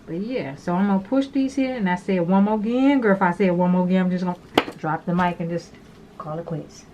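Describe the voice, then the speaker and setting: A woman's voice: fairly low pitch, fairly quick, dull audio. A woman chatting through a nail tutorial at home, talking straight to her viewers and rambling as she repeats herself. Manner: talkative, addresses viewers as "girl". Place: small home room with an overhead fan. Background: fan hum.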